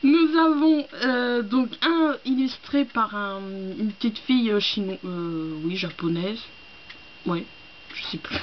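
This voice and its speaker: A young woman from France chatting casually as she unboxes gifts, gushing and excitable, with many hesitations and fillers. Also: a little high, takes it slowly. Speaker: book vlogger. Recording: dull lo-fi home recording with faint hiss.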